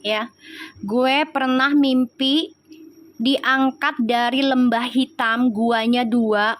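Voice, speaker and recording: A woman's voice: on the high side, fairly even intonation, very slow, a bit bright, a little hiss or hum. A woman with a Betawi Jakarta accent, chatting casually on a live stream as a tarot reader and talking straight to her viewers. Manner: chatty, talks straight to viewers by name, slangy.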